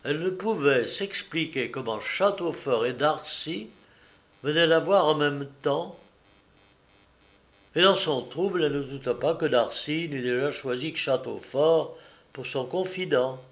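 A man narrating a classic novel in a measured, expressive storytelling manner. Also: fairly high pitch.

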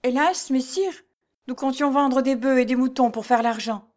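A frightened young peasant girl who stammers and begs in a high, soft voice, as a woman reads her. She speaks in a tearful, imploring tone. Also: normal speed, lightly acted. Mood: tearful pleading. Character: pale, trembling young peasant girl, pleading. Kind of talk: storybook reading.

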